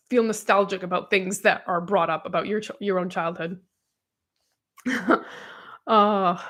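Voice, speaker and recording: A woman in her thirties talking casually as a podcast co-host. She is chatty and animated, reading listener comments aloud and laughing often along the way. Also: on the high side.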